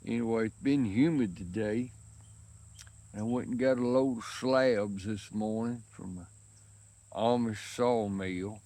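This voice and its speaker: A man's voice: lowish voice, measured pace, mellow. A worn-out man talking casually outdoors on a windy day, rambling in a folksy rural way about his pipe. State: worn out and sweaty from work. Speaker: pipe-smoking vlogger.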